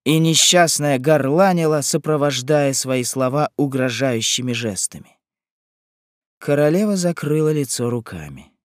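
A man narrating an audiobook in a measured, dramatic storytelling manner. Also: medium pitch, animated, dry recording, studio quality. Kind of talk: scripted narration.

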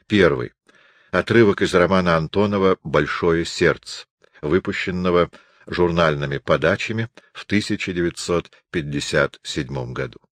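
A man reads a literary lecture in a measured, ironic way. His voice sits very low. The recording is dry and close, with no room sound. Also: no echo. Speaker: lecturer reading a lecture text. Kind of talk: scripted reading of a literary lecture.

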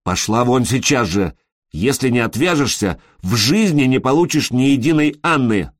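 A man's voice: medium pitch, lively intonation, moderate pace, dry recording, natural voice. Brief: male reader voicing a fed-up man barking short retorts, dry close sound. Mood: irritated. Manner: irritable, snapping.

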